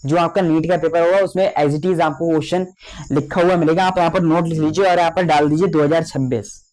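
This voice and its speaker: A young man teaching a biology lecture, slowly spelling out key terms for note-taking and often calling his students children. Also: fairly high pitch, fairly even intonation, a little mellow. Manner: slow, drawn-out dictation of key terms; repeats fillers addressing students as children.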